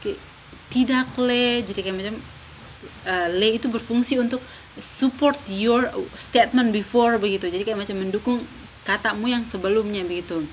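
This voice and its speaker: A young university student from Lembata in eastern Indonesia talks through a class presentation in a mid-range voice at a moderate pace. She hesitates a lot, fills gaps with "uh" and switches between English and Indonesian. The recording is low quality, with faint noise under her voice.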